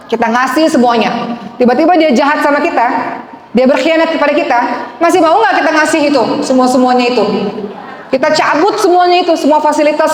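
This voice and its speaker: A young woman with a fairly high voice preaches to a roomful of women. She is lively and coaxing, and keeps asking her listeners to answer back. Her voice rings out through a large, echoey hall with a long reverb tail. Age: young adult. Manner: lively, coaxing, asks the audience questions. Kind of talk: sermon to a women's gathering.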